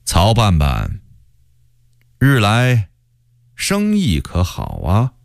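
A man voicing a cold, suspicious emperor in a radio story, speaking slowly with quiet menace. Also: lowish voice, wildly swooping pitch, gravelly, dry recording, studio quality, exaggerated voice. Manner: slow, cold, measured menace.

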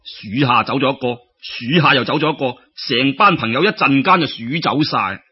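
A man with a Cantonese accent narrates a traditional folk tale dramatically, in a theatrical, colloquial and exclamatory style. His husky voice is medium in pitch and moderate in pace, and the audio sounds dull.

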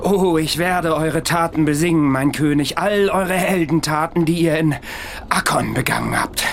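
A man's voice: fairly high pitch, normal speed, a little hiss or hum, natural voice. An actor playing a world-weary, undying ancient wanderer in an audio drama, telling his past in a wry, brooding manner. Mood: grim, reproachful. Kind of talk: audio drama dialogue and storytelling.

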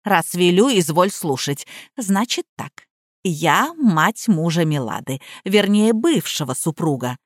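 Woman reader as an elderly matriarch, low, syrupy, domineering; audiobook. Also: sing-song, measured pace, dry recording, studio quality. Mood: haughty. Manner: cloyingly sweet, then commanding. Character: elderly haughty mother-in-law, sugary yet domineering.

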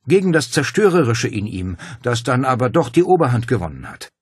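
Courteous, anxious older clergyman in an audiobook, voiced by a man, raised and a bit husky, polite and solicitous. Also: medium pitch, very animated, brisk, no echo, clean studio sound, voice pushed up. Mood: concerned. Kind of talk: audiobook character voice.

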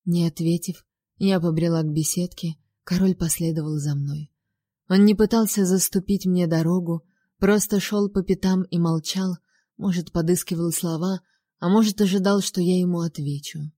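A woman reading a first-person story aloud in steady, emotive narration. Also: lowish voice, moderate pace, no echo, clean studio sound. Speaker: audiobook narrator.

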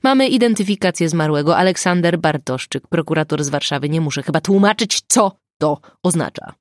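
A brash, arrogant male prosecutor barks his reprimands in a loud, raised voice, as a woman reading an audiobook puts him on. The tone is gravelly and swoops around a lot. The sound is dry and close. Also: fairly low pitch, very animated, unhurried, no echo, heavily acted. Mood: angry.

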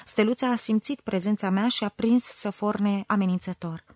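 A woman reading a novel aloud in the first person, measured and expressive, dropping at times to a whisper. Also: mid-range voice, no room sound. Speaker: audiobook reader. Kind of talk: first-person literary audiobook narration.

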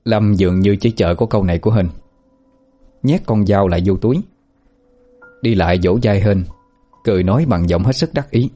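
A man reading a dramatic story aloud in earnest, steady scripted narration. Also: lowish voice, normal speed, long pauses, faint music behind.

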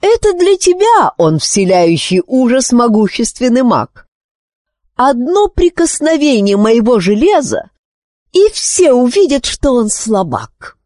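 A woman's voice: huge pitch swings, unhurried, darkish tone, slightly rough, no room sound, studio quality, full character voice. A woman voicing a proud, cunning, hot-tempered queen who talks in an imperious tone. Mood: scornful. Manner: imperious, shrill when angered.

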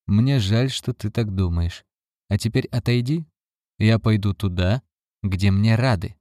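A man's voice: on the low side, unhurried, dark tone, dry recording, clean studio sound, lightly acted. A man reading an audiobook, voicing a tense, restrained grown man. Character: middle-aged man, tense stepfather figure. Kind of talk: audiobook character voice.

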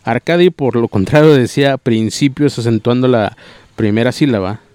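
A man's voice: medium pitch, moderate pace, no room sound. Man reading a novel aloud, dry sound. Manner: steady reading with small slips and restarts. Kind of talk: audiobook reading, plain voices for characters.

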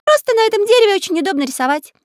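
A woman voicing a cheerful magical pencil who is a quick artist. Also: extremely high pitch, very animated, no echo, clean studio sound, voice pushed up.

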